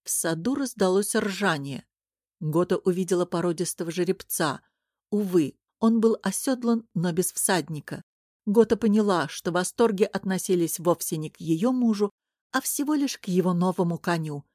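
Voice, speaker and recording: A woman narrating a fantasy novel as an audiobook, steady and even-paced. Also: lowish voice, normal speed, no echo, clean studio sound.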